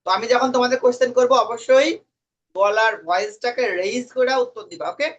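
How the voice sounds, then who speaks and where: A man's voice: very high voice, fast talker, a bit bright. A man teaching an English lesson, quizzing his students and mixing English words into his talk. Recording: dull lo-fi recording.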